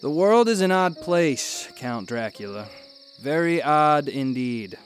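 Cryptic posh-mannered scientist in a radio play, measured, faint music behind. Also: male voice, fairly high pitch, lively intonation. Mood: curious. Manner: measured, formal, enigmatic. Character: mysterious, cultured male scientist who is invisible. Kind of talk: radio drama acting.

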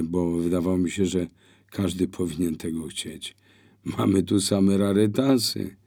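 A man's voice: sits low, warm tone, voice pushed up. A man reading an audiobook, voicing a blind young man with a wry, teasing way of talking.

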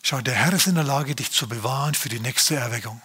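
A man's voice: medium pitch, quick pace, sharp tone, husky. A man preaching a sermon as pastor, speaking earnestly and straight to his listeners.

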